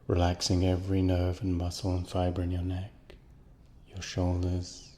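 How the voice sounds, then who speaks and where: A man with a very deep, nearly monotone voice leads a guided hypnosis relaxation. He speaks in slow, soothing, repetitive phrases, and his voice trails off into a long reverb. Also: a little hiss or hum.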